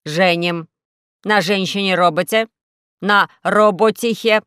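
A theatrical male robot, played by a woman narrator in a storybook recording. He declaims loudly and slowly, heavy with self-pity over his own suffering. The sound is dry and close. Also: mid-range voice, smooth, no room sound. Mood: gloomy. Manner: loud, slow, solemn declaiming. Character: dramatic male robot who longs to suffer.

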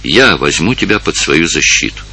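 A man voicing a calm and firm old village elder in an audiobook. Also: normal speed, creaky, husky, exaggerated voice. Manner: calm, firm, low and steady.

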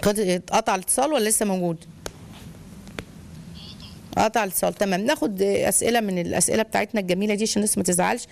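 A middle-aged woman with an Egyptian accent, giving family advice on a live call-in show in an animated way. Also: mid-range voice, very fast, vocal fry, pauses often, slight background noise. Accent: Egyptian Arabic. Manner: animated, acts out shouting voices in stories. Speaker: family counselor answering viewers.

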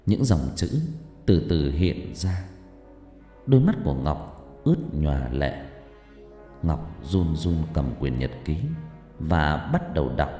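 A man narrating a horror story dramatically, dropping to a hush in tense moments. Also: extremely low pitch, animated, takes it slowly, pauses often. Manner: dramatic, hushed in tense passages. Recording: echoey reverb with faint music.

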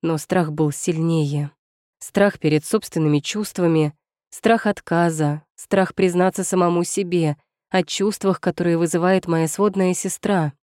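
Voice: medium pitch, fairly even intonation, a little slow, darkish tone, no echo. Dry, brooding audiobook narrator. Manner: tense, brooding, dramatic. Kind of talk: first-person romance novel narration.

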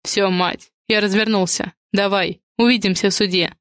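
A resigned grown son about to go to prison, voiced by a woman reader, curt and flat in his instructions. The reading is close and dry, in an average register. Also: medium pitch, normal speed, dry recording, lightly acted. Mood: grim. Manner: blunt, resigned. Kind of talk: audiobook character reading.

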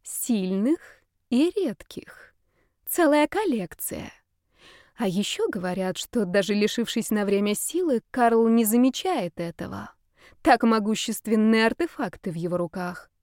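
A woman's voice: a little high, lively intonation, no room sound, clean studio sound. Woman reading as a sly purring witch. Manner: slow, soft, insinuating. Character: sly scheming female witch, cool and purring. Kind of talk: audiobook reading.

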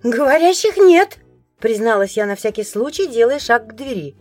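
A woman reading a first-person audiobook in an expressive storytelling manner. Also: fairly high pitch, a little fast, no echo, faint music behind. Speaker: audiobook narrator.

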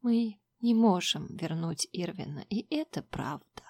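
A woman voicing a grieving older mother in an audiobook, speaking slowly in hushed, often whispered pleas. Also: on the low side, animated, no echo. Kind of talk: audiobook reading.

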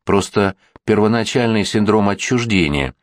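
A man narrating an audiobook in an expressive, ironic reading. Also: on the low side, normal speed, dry recording, studio quality.

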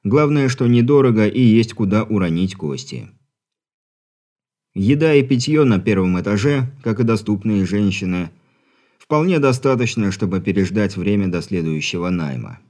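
A man narrating an audiobook with an even, wry storytelling manner. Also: on the low side, normal speed. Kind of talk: scripted narration.

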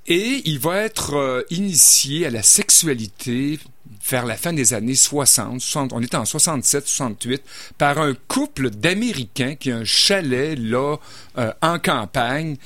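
A man talks through a novel's plot in a relaxed, chatty way. He hesitates often, restarting phrases and filling pauses. His voice sits at an ordinary pitch and sounds close and dry, with no room around it. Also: dry recording. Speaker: book reviewer. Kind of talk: casual radio book review.

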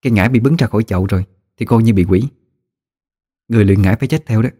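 A man voicing a young woman exorcist in a ghost story, in a low, firm voice. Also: racing, mellow, no echo, clean studio sound, natural voice. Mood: grave.

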